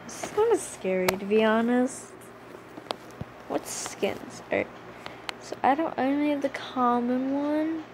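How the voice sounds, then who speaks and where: A woman's voice: sits high, animated, takes it slowly, pauses often, noisy background. A young woman casually commenting while playing a game, playful and chatty, sometimes chanting in a sing-song way. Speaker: gaming channel host.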